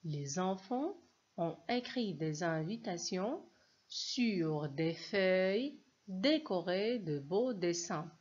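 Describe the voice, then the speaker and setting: A woman's voice: fairly low pitch, lively intonation, slow, a little mellow, breathy edge. A woman teacher gives a reading lesson to children, patiently spelling out sounds and syllables. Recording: dull lo-fi recording.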